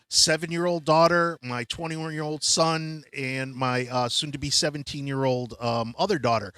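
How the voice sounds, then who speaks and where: Candid fifty-year-old podcast host. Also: male voice, a little high, pushed and bright, no room sound. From Hartford, USA. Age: 50s. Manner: candid and reflective, with frequent ums and uhs. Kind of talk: personal storytelling podcast. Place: studio in a curiosity shop.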